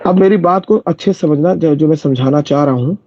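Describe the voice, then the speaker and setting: On a dry, dull lo-fi recording with no echo, a male math teacher leads a live online class, guiding students through each step and repeatedly confirming they follow. His gravelly, husky voice is a little high and a little mellow, and he speaks fairly quickly.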